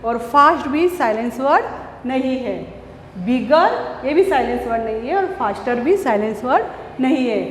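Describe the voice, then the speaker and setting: Brief: female teacher, Indian accent, unhurried and deliberate, repeats and quizzes, long reverb with faint hiss. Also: high-pitched, expressive. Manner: slow, deliberate, repeats and asks questions back. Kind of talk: classroom lesson, mixing Hindi and English.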